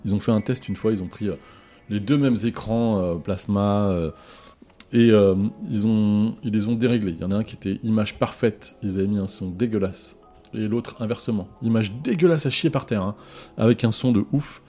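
A man's voice: fairly low pitch, dark tone, faint music behind. A man who makes films, talking casually about cinema in an eager, slangy way. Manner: fast, enthusiastic, slangy. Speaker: podcast guest, filmmaker.

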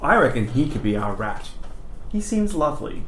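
A man's voice: mid-range voice, very animated, normal speed, a bit bright. A man chatting casually as a player in a tabletop game. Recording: roomy, faint background noise.

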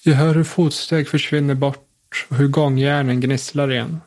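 A man telling a suspenseful first-person story in a calm, measured way. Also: medium pitch.

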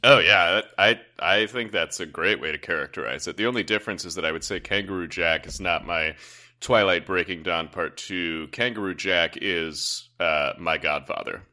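A man co-hosting a podcast in casual chat, rambling and swearing freely in quick bursts. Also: low voice, sharp tone. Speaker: podcast co-host.

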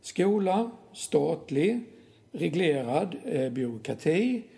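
A man explaining things in a casual conversation as a youth football coach, speaking in a slightly high voice with a gravelly edge. He is blunt and emphatic, swears freely, and keeps pressing his points with rhetorical questions. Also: dark tone.

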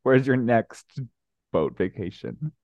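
A man's voice: mid-range voice, lively intonation, slow pace, darkish tone, dry recording, lo-fi sound. A young adult man co-hosting a podcast in casual chat, with a dry, offhand delivery. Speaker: podcast co-host.

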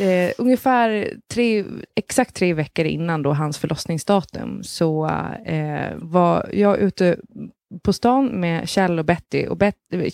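A woman's voice: lowish voice, gravelly, a little mellow, dry recording, clean studio sound. A woman in her thirties, co-hosting a podcast, telling a story in casual chat with lots of laughter and casual swearing, acting out other people's lines. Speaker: podcast co-host.

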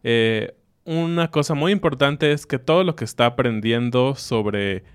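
A man co-hosts a relaxed podcast conversation. His mid-pitched voice is smooth and resonant, and he moves the talk along with easy questions. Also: unhurried. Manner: relaxed, asks prompting questions. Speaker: podcast co-host. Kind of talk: casual educational podcast chat.

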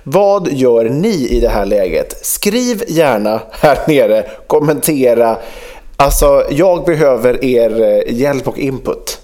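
Animated man, lively storytelling voice. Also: medium pitch. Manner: animated, re-enacts dialogue, frequent fillers. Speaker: podcast co-host. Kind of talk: casual podcast storytelling.

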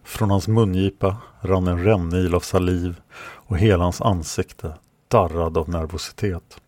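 A man reading his own fantasy novel aloud as an author and podcast narrator, calm and measured. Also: deep voice, dry recording. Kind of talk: audiobook narration.

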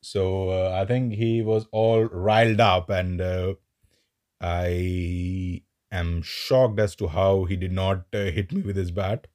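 A man's voice: low-pitched, steady tone, slow pace, a little mellow. A man co-hosting a casual podcast chat, telling a long anecdote full of "uh" fillers and small laughs. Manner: rambling storyteller with many "uh" fillers. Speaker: podcast co-host.

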